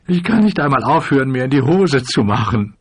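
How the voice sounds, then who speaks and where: Man putting on a frail weeping addict, high strained pleading voice, husky, storybook. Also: very animated, a little fast, no room sound. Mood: tearful pleading. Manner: tearful, whimpering, pleading.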